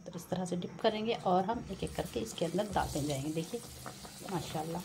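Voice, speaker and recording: A homely cooking vlogger with a lowish voice narrates a recipe step by step over sizzling oil in her home kitchen, beside the frying pan, unhurried and often calling viewers "nazreen." A phone camera over the stove shows only her hands, and the frying sizzle is loud against background noise.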